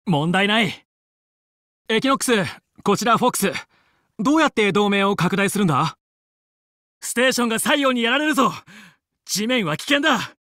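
A man playing a young, confident fox space pilot and team leader in a video game, brisk, determined and commanding yet friendly. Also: sits high, expressive, pushed and bright, no echo, studio quality. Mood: focused, confident. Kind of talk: Japanese video game voice acting.

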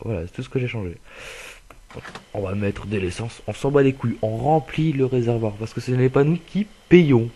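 A young man with a stuffy nose casually commentating a truck-driving game, rambling with lots of fillers and swearing, with loud bursts of frustration at other drivers. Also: fairly low pitch, slight background noise. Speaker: gameplay commentator. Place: home room with a dog playing nearby.

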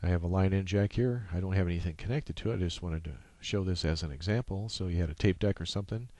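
Using a USB mic, a software tutorial presenter narrates his screen capture in a low, warm voice. He explains each step casually and spontaneously, halting along the way, and it's a dry recording with no room sound.

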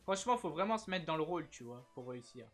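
A man chatting casually as a gaming video host, slangy and laid-back with quick asides. His voice sounds strained and worn. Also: fairly high pitch, lively intonation, fairly bright tone, faint music behind.

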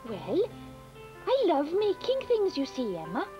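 In a children's cartoon, a homely leek talks gently and patiently about making her home cosy. Her voice is high and lively, with faint music underneath. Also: unhurried, full character voice. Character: kind homely female leek.

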